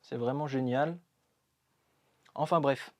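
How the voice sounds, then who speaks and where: A man's voice: mid-range voice, slow pace, no room sound. A man chatting casually and enthusiastically to camera while reviewing a toy set, with lots of fillers. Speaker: LEGO reviewer. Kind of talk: casual vlog chat.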